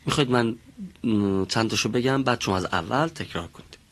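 A man teaching Quran recitation in a classroom lesson, patiently demonstrating letter sounds and repeating them slowly. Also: medium pitch, fairly bright tone.

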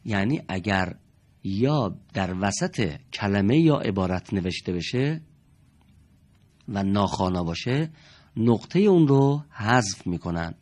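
Reading teacher, male, low husky voice, lively pitch, slow deliberate demonstrations. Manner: slow, stretched-out demonstration of words. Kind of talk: classroom lesson.

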